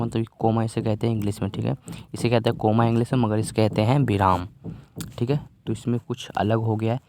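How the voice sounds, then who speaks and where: This time the recording is dry and his voice sits at medium pitch, a touch mellow. Teaching young kids from a worksheet, he stays relaxed and patient, saying things more than once and regularly checking "theek hai?" to see if they understand.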